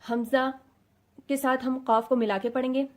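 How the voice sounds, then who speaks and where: A fairly high-voiced woman with a Pakistani Urdu accent teaches a recitation lesson. She explains each point patiently and sounds out short syllables to demonstrate. English words slip into her speech now and then. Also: level tone. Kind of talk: explanatory lesson, addressing students.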